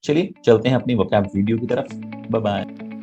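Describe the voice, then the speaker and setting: A man's voice: fairly low pitch, moderate pace, mellow, lo-fi sound, soft background music. A man teaching an online English grammar lesson, explaining in Hindi mixed with English and often checking "right?" with his viewers.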